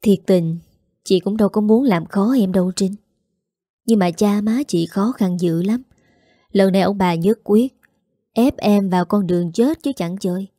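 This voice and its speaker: A woman's voice: mid-range voice, warm tone, dry recording, clean studio sound, natural voice. A woman voicing a harsh, scornful woman, sneering and scolding. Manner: sneering, scolding, later falsely sweet.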